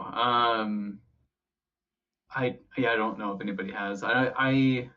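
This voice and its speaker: A man's voice: fairly low pitch, distant mic, dull audio. A man chatting casually as an interview guest, informal and rambling, often feeling his way through a thought. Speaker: interview guest, hobby club officer.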